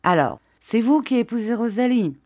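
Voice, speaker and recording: A woman's voice: fairly high pitch, expressive, moderate pace, warm tone, pitched above the performer's own voice. A woman doing a testy old baron. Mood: impatient. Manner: curt, impatient. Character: old aristocratic father, irritable and blunt.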